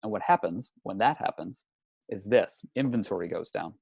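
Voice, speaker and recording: A man with a lowish, darkish, husky voice speaks at a normal speed with lively intonation and some vocal fry, and the recording has no echo. He is a real estate industry analyst presenting a live webinar from a hotel room, talking through slides conversationally while often repeating words and restarting. He is not from New Zealand.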